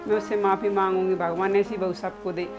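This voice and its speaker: A woman's voice: fairly quick, lightly acted. A woman playing a remorseful older mother-in-law in an amateur short film, speaking in a pleading way. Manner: pleading, with flat pitch. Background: background music.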